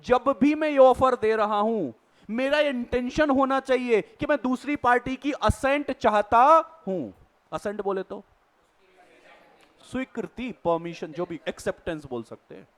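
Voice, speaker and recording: A man teaching an exam revision lecture, reading definitions out slowly and then explaining quickly, asking the class rhetorical questions. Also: very high-pitched.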